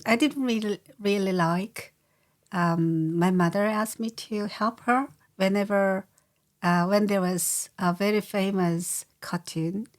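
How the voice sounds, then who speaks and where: An older Korean-accented woman speaks as an interview guest, unhurried and halting, stopping often to search for words. Her voice sits at a middle pitch, and she talks at a slow, careful pace. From South Korea. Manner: slow, hesitant, many pauses and fillers. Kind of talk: casual interview.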